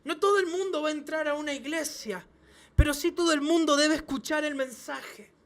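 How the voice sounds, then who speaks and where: High-voiced man preaching emphatically. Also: a little fast. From Chile. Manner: emphatic preaching with repeated phrases and restarts. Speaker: pastor. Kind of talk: sermon. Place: church service.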